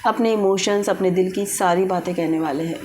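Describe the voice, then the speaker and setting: A woman's voice: on the low side, little pitch movement, brisk, mellow, slight background noise. A woman reading tarot for viewers, giving direct advice and mixing English words into Hindi. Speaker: tarot reader.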